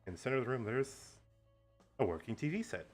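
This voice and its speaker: A man's voice: mid-range voice, expressive, quick pace, soft background music. A man doing casual game commentary, reading aloud and joking with crude, playful banter.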